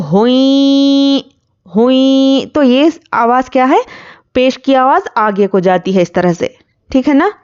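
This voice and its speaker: A woman teaching Quran recitation, spelling out letters and vowel marks one by one and blending them into words, with brisker plain explanations in between. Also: high-pitched, darkish tone, clean tone, muffled recording. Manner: explains quickly in a conversational teaching tone. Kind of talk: slow syllable-by-syllable spelling drill.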